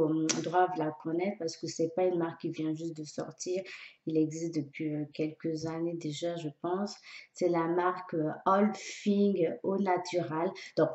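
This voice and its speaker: Woman beauty vlogger, lowish voice, casual and hesitant, filler-heavy; echoey, lo-fi home recording. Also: darkish tone. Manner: hesitant, many pauses and fillers. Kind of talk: casual product review. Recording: echoey room, dull lo-fi sound.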